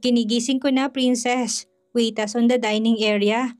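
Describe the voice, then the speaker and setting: A woman voicing a rich young father who is gentle but firm, speaking softly and coaxingly. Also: on the high side, fairly even intonation, moderate pace, soft background music, lightly acted.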